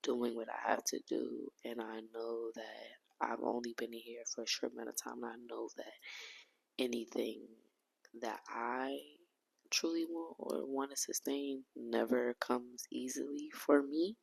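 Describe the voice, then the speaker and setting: A woman's voice: a bass voice, fairly even intonation, a little slow, gravelly, husky, poor audio. A woman hosting her own podcast, talking candidly in a heartfelt, rambling way with casual slang and frequent restarts. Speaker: podcast host.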